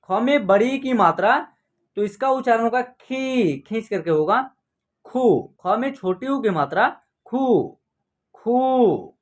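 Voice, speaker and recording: A woman teaching an online alphabet lesson, slowly drawing out each syllable and often checking in with the listener. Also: fairly high pitch. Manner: slow, drawn-out syllable demonstrations with frequent check-ins.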